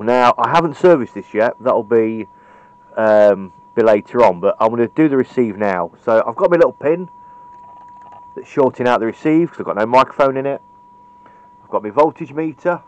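A hobbyist radio repairer gives an informal hands-on tutorial at a cluttered indoor workbench, blunt, chatty, and matter-of-fact. His voice is mid-range with a darkish tone, captured in dull, lo-fi camera audio.

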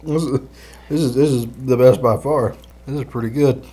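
A man's voice: mid-range voice, fairly even intonation, normal speed, dark tone, husky. Man talking after a bite, dry. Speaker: co-host of a food taste-test show. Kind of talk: casual chat.

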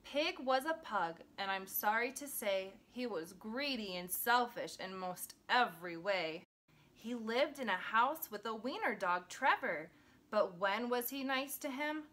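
A woman hosting a children's read-aloud, narrating a rhyming picture book in an expressive, child-friendly way. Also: on the high side, a little slow.

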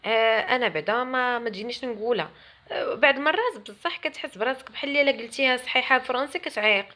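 Fast-talking woman with a Moroccan accent. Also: a little high, pushed and bright. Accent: Moroccan Arabic. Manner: chatty and emphatic, mimics others mockingly. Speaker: French teacher. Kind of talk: casual lesson to camera.

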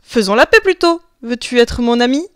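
A woman's voice: on the high side, normal speed, smooth, no echo, clean studio sound. A woman voicing a sly, scheming male fox who sweet-talks and coaxes in a children's storybook reading. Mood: coaxing. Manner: honeyed, coaxing, bright and excited. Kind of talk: storybook voice acting.

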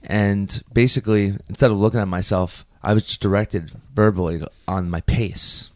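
A man from the United States in his thirties, a performer appearing as a guest in a casual interview, tells stories with a fairly low voice at a moderate pace. He's animated and full of fillers and restarts, recorded dry with studio quality.

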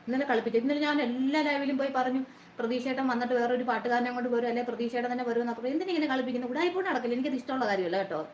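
A woman's voice: a little high, very fast. A woman hosting a casual live stream, chatting and greeting her viewers by name one after another. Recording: roomy echo, faint noise.

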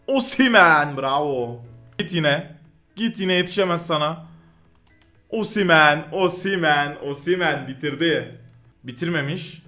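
A man giving live commentary over his own football video game match, excitable and quick to yell in frustration at the game. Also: a little high, faint music behind. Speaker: gaming YouTuber.

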